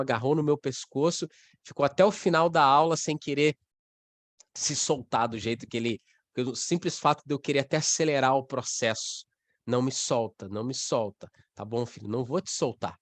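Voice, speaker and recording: A man's voice: medium pitch, no room sound. A young adult man with a Brazilian Portuguese accent, leading an online class over a video call, talking casually and acting out what parents and coaches say. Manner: conversational, acts out parent and child lines. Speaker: coaching course instructor. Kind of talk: online class mentoring session.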